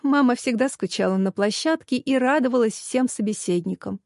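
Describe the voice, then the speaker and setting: A woman calmly reading a children's story aloud. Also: a little high, brisk, no room sound, clean studio sound. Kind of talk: storybook narration.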